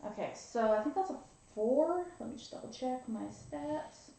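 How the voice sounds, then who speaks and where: A woman's voice: high voice, animated, normal speed, dark tone. A woman playing a tabletop role-playing game, talking in a casual, wry way. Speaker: player. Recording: very echoey, far from mic.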